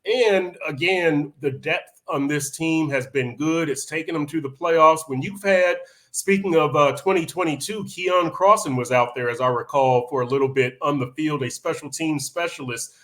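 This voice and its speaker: Male sports podcast host, slightly high voice, halting casual delivery. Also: fairly bright tone. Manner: halting, many restarts and fillers.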